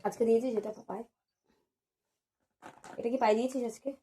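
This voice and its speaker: A woman's voice: on the high side, steady tone, a little fast, warm tone, slight background noise. A woman in casual home chat, coaxing and teasing, repeating her requests. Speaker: wife.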